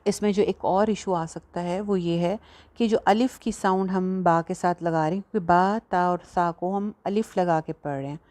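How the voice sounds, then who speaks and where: A woman teaching a tajweed lesson, patiently explaining and slowly demonstrating each letter sound. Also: on the low side, fairly even intonation, a little mellow. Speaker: Quran recitation teacher.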